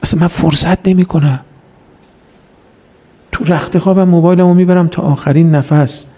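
A man's voice: on the high side, steady tone, warm tone, breathy edge. A man preaching a religious sermon, exhorting his listeners with rhetorical questions and reciting Arabic verses in a chanted tone.

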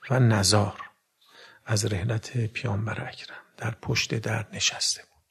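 A male preacher delivering a mourning sermon, his voice heavily gravelly and husky. He drops to hushed whispers, then rises to loud cries, and turns to speak directly to his listeners. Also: mid-range voice.

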